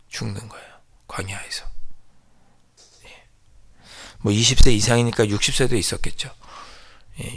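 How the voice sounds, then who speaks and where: A man with a low, gravelly voice preaches at an early-morning prayer service. He keeps asking his listeners questions and answering them himself. On the weightiest phrases he sinks into a hushed whisper. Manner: drops to a whisper on key phrases; sounds out the people's complaint as a pleading prayer. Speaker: pastor.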